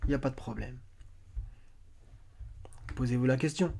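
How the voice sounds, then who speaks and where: A man talks through his points in a loose, explanatory way, with plenty of hesitation and restarted phrases. His voice is warm and mellow, at an ordinary pitch for a man. He keeps turning to the listener and urging them to think for themselves. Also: normal speed, creaky. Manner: hesitant, many fillers and restarts, often asks listeners to question things. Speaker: video commentator. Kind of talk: casual explanatory commentary, reading verses aloud.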